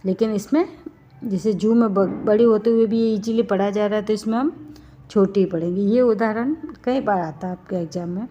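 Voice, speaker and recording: A woman teaches a grammar lesson, working through each example slowly and asking her class questions as she explains. Her voice is mellow and warm. The recording is somewhat dull and lo-fi. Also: medium pitch, a little hiss or hum. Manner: explains step by step with rhetorical questions. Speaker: Hindi teacher.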